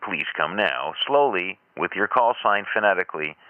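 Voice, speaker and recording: A man with a very low voice that rises and falls a lot runs an amateur radio net, hesitant and apologetic as a first-timer. His transmission keeps breaking up and sounds choppy. The audio is dull and dry. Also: expressive, normal speed, dry recording. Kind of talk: reading a net script over amateur radio.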